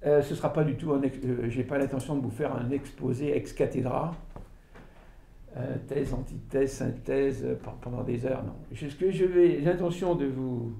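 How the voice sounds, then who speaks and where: Speaking to a live audience in a small indoor room, an older male author gives a casual lecture about his book. His dark, mellow voice sits at medium pitch with a creaky edge, and his animated delivery halts with many fillers and restarts. A distant camera, no mic visible, picked him up in what sounds like a roomy, echoey hall.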